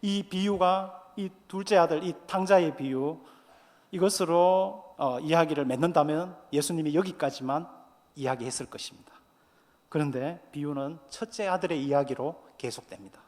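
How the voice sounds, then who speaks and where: A man's voice: a little high, moderate pace, a little mellow, long reverb tail. A man preaching a sermon as pastor, earnest and fond of rhetorical questions.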